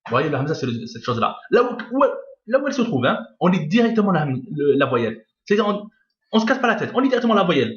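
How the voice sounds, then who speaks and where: A man teaches a reading lesson in a patient, repetitive way, stopping often to check that his listeners follow. His voice sits a little high for a man. The recording is dull and lo-fi, with a roomy echo around him. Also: big pitch swings, racing. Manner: patient, repeats each point and checks with "d'accord?". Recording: lo-fi echoey room.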